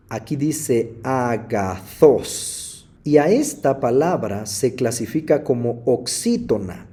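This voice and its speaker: A man teaching a slide lesson on New Testament Greek, explaining calmly and speaking straight to the viewers. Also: medium pitch. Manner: slow, explanatory, addresses viewers directly.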